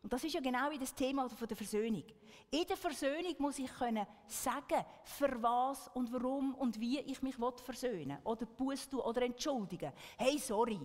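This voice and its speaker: A woman's voice: sits high, moderate pace, a little mellow, big-room sound. A woman giving an earnest talk to an audience, often checking in with a questioning "right?". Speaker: speaker.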